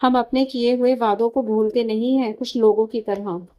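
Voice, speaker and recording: A woman's voice: fairly high pitch, fairly even intonation, normal speed, dark tone, muffled recording, lightly acted. A woman reading the lines of a proud, defiant young woman in a storybook tale, firm and taunting.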